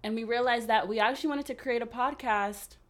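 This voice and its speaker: Young woman, American accent, medium pitch, podcast co-host, casual chat, emphatic informal delivery. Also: a little fast. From San Francisco Bay Area, USA.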